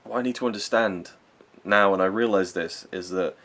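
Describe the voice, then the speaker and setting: A man's voice: fairly low pitch, moderate pace, fairly bright tone. A young man giving a casual, rambling, earnest film review, swearing now and then and getting openly emotional.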